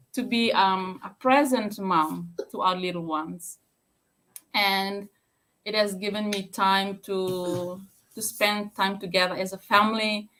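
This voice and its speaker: A woman's voice: mid-range voice, a bit bright, a little hiss or hum. A woman from Fiji speaking on a live stream from her home, talking hesitantly with many fillers and restarts.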